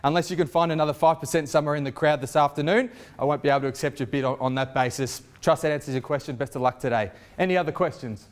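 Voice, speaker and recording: Casting: Australian man, novice auctioneer, declamatory and formal, with a clean, slightly high voice. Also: fast, hardly any pauses, smooth. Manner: declamatory auctioneer projection to a gathered crowd. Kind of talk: auctioneer address, formal property pitch and bid calling.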